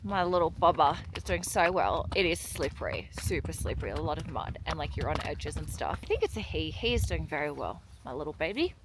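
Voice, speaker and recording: A woman's voice: sits low, animated, brisk, hardly any pauses, background noise. A young woman vlogging casually from a mountain trek, chatty and bubbly, often laughing. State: out of breath from altitude. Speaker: travel vlogger. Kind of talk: casual vlog narration. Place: outdoors on a mountain horse trek, then indoors.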